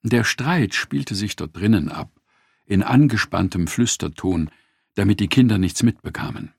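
Gravelly, lively male audiobook narrator. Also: lowish voice, moderate pace, dry recording, studio quality.

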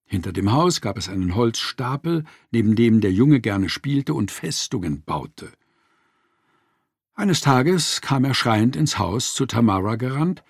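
A man narrating a nonfiction audiobook in a lively, expressive reading style. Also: mid-range voice, unhurried, gravelly, husky, no room sound, studio quality.

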